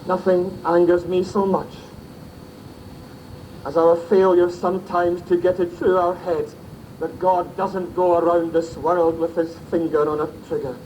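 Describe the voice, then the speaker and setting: A minister delivers a grave memorial sermon in a high-pitched voice. He speaks slowly, leaning on measured pauses. The sound comes from an old cassette tape with a faint hiss under it. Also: level tone, a little mellow, lo-fi sound. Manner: slow, grave and solemn, with emphatic pauses. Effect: faint tape hiss of an old cassette recording.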